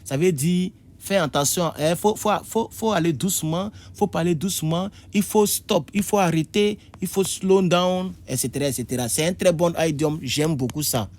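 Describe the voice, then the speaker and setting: A man teaching English idioms in a video lesson, repeating words and jumping high to act out phrases. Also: normal speed, few pauses, a little mellow. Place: indoor room with a board.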